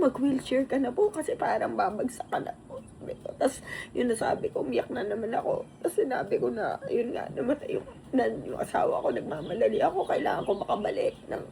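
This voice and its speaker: Middle-aged woman, tearful, gravelly, fairly high voice, halting storytelling, faint background hiss. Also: dark tone. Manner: halting, many restarts and fillers, near tears. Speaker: vlogger telling a personal story. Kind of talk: emotional personal storytelling.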